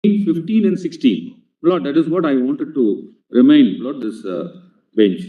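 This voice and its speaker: A man's voice: medium pitch, lively intonation, a little slow. A man arguing a legal case before a court, formally addressing the bench with "my lord" at nearly every phrase. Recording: tinny, echoey courtroom feed from a distant mic.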